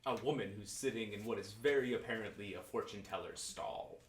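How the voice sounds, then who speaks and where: A man narrating a tabletop game as game master in a casual, halting, improvised way with trailing phrases. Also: on the low side, slight background noise. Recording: echoey room, distant mic.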